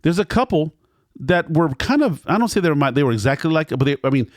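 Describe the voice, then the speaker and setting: A man's voice: on the high side, expressive, fast, no echo, studio quality. A man recounting a restaurant visit in a casual, rambling way. He repeats himself and acts out what the staff said. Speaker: restaurant reviewer.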